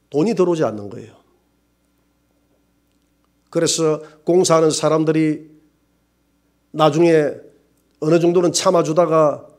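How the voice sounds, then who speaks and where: A male pastor with a Gyeongsang accent preaching a sermon in a church, animated, with rhetorical questions and exclamations. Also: a little high. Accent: Gyeongsang Korean. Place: church sanctuary.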